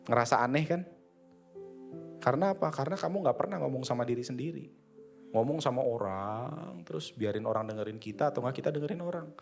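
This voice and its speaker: Seorang pria berlogat Jakarta berkhotbah dengan santai dan akrab, sering memerankan percakapan dengan dirinya sendiri. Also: male voice, medium pitch, lively intonation, quick pace, vocal fry, faint music behind. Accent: Jakarta Indonesian. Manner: conversational, slangy, acts out inner dialogue. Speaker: preacher. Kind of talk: casual sermon. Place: church service.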